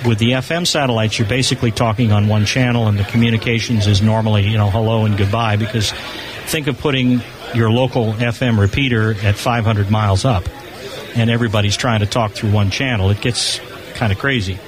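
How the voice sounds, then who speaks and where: A little fast, with a lowish voice and fairly even intonation, an American man eagerly and casually explains things as an amateur satellite organization's spokesman. The interview takes place at a convention-hall exhibition booth, with busy crowd chatter from the floor behind him.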